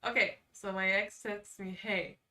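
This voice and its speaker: A woman hosts a casual livestream, reading quizzes aloud and reacting off the cuff with sarcastic asides. Her medium-pitched voice is steady, bright, and forceful at a measured pace. She sounds far from the mic.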